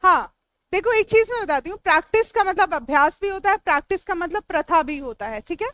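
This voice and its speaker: High-voiced Indian woman teaching English. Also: expressive, a little fast, fairly bright tone, dry recording. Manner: explains word meanings step by step, talks back to students. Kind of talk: classroom lecture.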